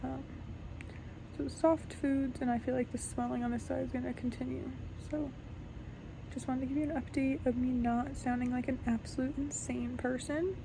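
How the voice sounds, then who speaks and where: Young female vlogger with a sore, stiff jaw; flat intonation, creaky voice, casual update. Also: sits high, a little fast, noisy background. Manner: talks with a sore jaw, mouth not opening fully. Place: bedroom at home.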